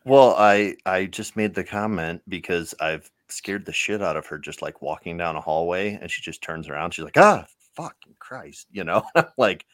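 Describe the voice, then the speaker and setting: Brief: deep, bass-heavy man, candid and profane storyteller on a dry podcast mic. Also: fairly even intonation, normal speed, few pauses, dry recording. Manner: candid storyteller, swears freely. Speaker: correctional officer, sergeant. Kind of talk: casual podcast chat.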